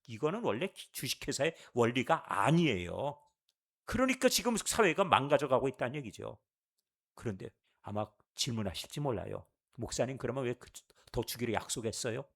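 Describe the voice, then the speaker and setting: A male pastor giving a sermon at a Friday church service, asking the congregation question after question. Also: medium pitch. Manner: animated, rhetorical questions to the congregation.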